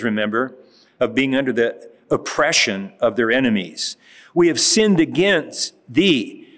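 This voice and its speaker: A man's voice: mid-range voice, a bit bright. Man preaching in a reverberant church. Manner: conversational Bible teaching with emphatic rises. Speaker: pastor. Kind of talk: sermon.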